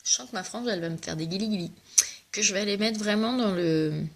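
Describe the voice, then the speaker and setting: A woman's voice: medium pitch, quick pace. Chatty French woman with a cough. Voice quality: joking, self-mocking, chatty. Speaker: makeup vlogger selling cosmetics. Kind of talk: casual makeup tutorial chat.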